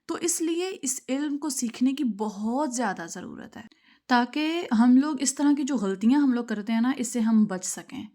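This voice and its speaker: Lady teacher going through slides, fairly high voice, keeps asking "theek hai", says example words over slowly. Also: lively intonation, warm tone. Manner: patient explaining, checks in with "theek hai" and "sahi hai". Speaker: Tajweed teacher. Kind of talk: online lesson with slides.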